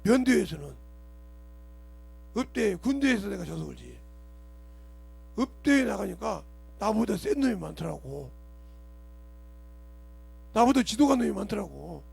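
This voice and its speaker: A male pastor preaches a fiery sermon in a church. He scolds his listeners with rhetorical questions and bursts into shouts. His voice sits high and swings widely, with a heavy gravelly, raspy edge. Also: very animated, measured pace, pauses often. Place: church sanctuary.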